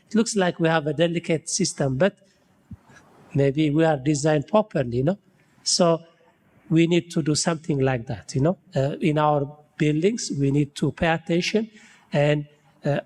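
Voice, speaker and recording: Here the Ethiopian researcher's voice sits on the high side with a darkish tone, echoing in a large hall. Discussing buildings and climate on a panel, he thinks as he talks, reaches for words and regularly ends sentences with "you know."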